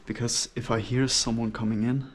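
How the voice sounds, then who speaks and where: A man speaks casually through a face mask in a musing, hushed way, narrating his solo exploration for viewers. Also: mid-range voice, little pitch movement, normal speed. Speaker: solo urban explorer vlogger. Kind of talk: casual exploration commentary to camera. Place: inside an abandoned hotel's rooms.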